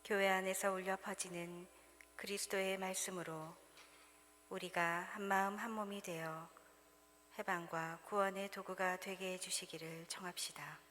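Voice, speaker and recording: A woman reading the opening words of a Mass as commentator, in a measured, solemn way, with the echo of a church around her. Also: medium pitch, flat delivery, slight background noise. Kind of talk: formal liturgical reading. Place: large church. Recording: long church reverb, soft music behind.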